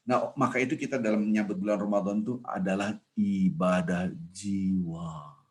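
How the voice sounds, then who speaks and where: Man, preacher, casual sermon, lowish voice, jokey, sudden loud emphatic peaks. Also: moderate pace. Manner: animated, with sudden loud rises and soft drops; jokey, conversational teaching.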